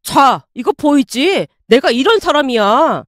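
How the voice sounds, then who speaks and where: A woman reading the part of an arrogant young man who taunts and yells at restaurant staff, in a story narration. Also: sits high, sing-song, a little slow, no room sound, studio quality. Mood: yelling. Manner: sneering, yelling insults. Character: arrogant bullying young male customer.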